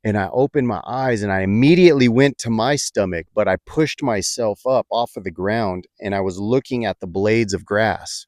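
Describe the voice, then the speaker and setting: Low-voiced man telling a personal story. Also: darkish tone, dry recording, studio quality. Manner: reflective, halting, many fillers and restarts.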